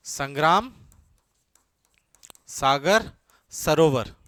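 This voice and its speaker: A man with a slightly high voice runs a classroom lecture, firing questions and repeating the answers so students can note them. He keeps urging them to answer quickly. The sound is dry and close, with no room echo. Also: bright, forceful tone. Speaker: teacher.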